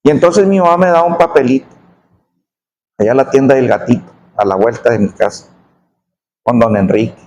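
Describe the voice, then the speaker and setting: Guy preaching his testimony, emotional storytelling, goes low and slow on the sad parts. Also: a little mellow, low-quality recording. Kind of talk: sermon testimony.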